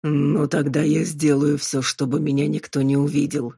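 Woman narrator doing a cold, slow male demon, low and husky. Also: no room sound, clean studio sound, heavily acted. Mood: mocking. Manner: slow, flat, predatory. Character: menacing male demon, bloodthirsty, blunt.

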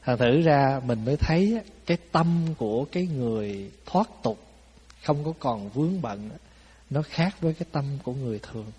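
A man giving a Buddhist dharma talk, telling stories in a lively, conversational way and often asking his listeners to agree. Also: medium pitch, moderate pace, slightly rough. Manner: asks the audience "phải không?". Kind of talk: storytelling sermon. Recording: long hall reverb.

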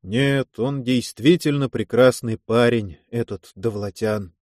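A man voicing a quiet, reserved young lieutenant who speaks in a subdued way. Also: slow pace, dry recording, clean studio sound, lightly acted. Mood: thoughtful. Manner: subdued, low-key.

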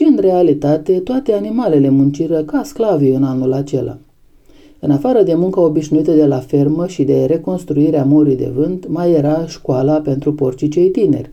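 A woman reads a novel aloud in a measured, steady audiobook narration. Her voice sits low, with a deep, mellow darkness to the tone, and the pacing stays even from line to line.

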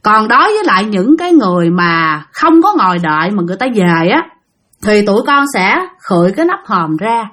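A woman's voice: mid-range voice, big pitch swings, brisk, fairly bright tone. A woman voicing a young man who earnestly reassures his aunt, with a Southern Vietnamese accent. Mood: reassuring.

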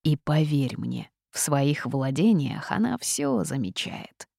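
A woman reading a wary male demon who speaks in low, hushed warnings. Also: big pitch swings, slow, gravelly, slightly rough, no echo, studio quality, heavily acted. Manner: quiet, hissing warnings.

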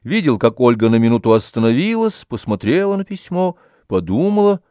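A man's voice: mid-range voice, very animated, a little fast, dark tone, no echo, studio quality. Man narrating a classic novel. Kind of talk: audiobook narration.

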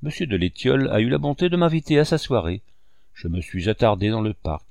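A man reading a defiant young male sculptor, brisk and blunt, with a dry close sound. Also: medium pitch, sing-song, vocal fry, darkish tone, no echo.

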